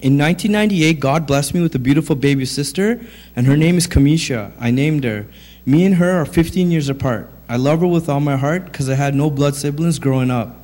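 A man's voice: a little high, fairly quick, a little mellow. A man in his thirties, born in Sri Lanka and raised in Canada, reading his personal testimony to a congregation. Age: 30s. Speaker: testimony speaker.

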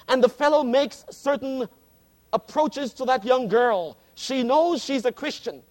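A man in his fifties preaching a sermon, earnest and emphatic, repeating key phrases for stress. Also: very high-pitched. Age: 50s.

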